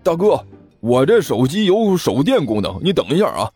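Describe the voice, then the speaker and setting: A high, jumpy voice of a cowardly young street thug, as a male storyteller puts him on. He stammers and pleads, swinging up and down with nerves, over faint background music. It is a storybook sidekick, timid and eager to please. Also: sing-song, moderate pace, a little mellow, slightly rough. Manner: stammering, nervous, wheedling.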